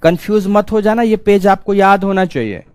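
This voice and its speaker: Stern male tutor, high voice, very dry sound. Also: moderate pace, a little mellow, clean tone, no echo. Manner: stern, scolding, repeats key points. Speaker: teacher. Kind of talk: exam prep lecture.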